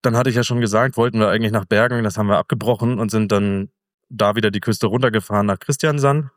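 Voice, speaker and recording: A middle-aged man as an interview guest, telling a travel story in a relaxed, rambling way with fillers. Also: fairly low pitch, fast talker, dry recording, studio quality, in a large hall. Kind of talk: casual conversational storytelling.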